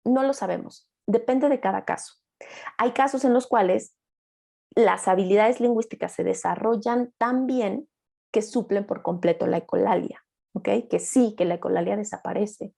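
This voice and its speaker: A woman's voice: mid-range voice, normal speed, creaky, warm tone. A young adult woman therapist giving an online master class, explaining patiently and acting out short lines of children and parents.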